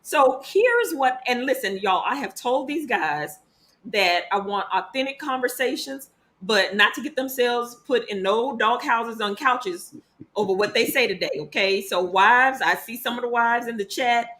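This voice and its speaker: A woman's voice: on the high side, animated, normal speed, a bit bright. A woman hosting an online talk show, upbeat and teasing her guests. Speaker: show host. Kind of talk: casual hosted chat.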